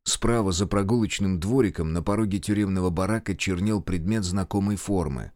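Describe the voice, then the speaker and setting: A man narrating a horror audiobook in a dramatic, expressive way. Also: deep voice, brisk, no echo. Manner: dramatic, acts out characters.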